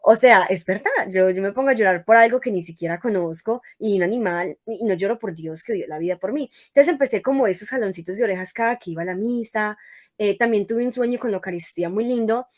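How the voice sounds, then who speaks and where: A woman's voice: mid-range voice, quick pace, darkish tone. A young woman, a guest on an interview show, tells her faith testimony in a casual, conversational way and acts out her own past words as she goes.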